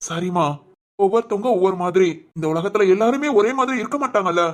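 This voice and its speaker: Woman doing a kind young cop, soothing, mid-pitched, for an audio drama. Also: fast, lightly acted. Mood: comforting. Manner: gentle and reassuring. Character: caring young policeman, gentle and teasing.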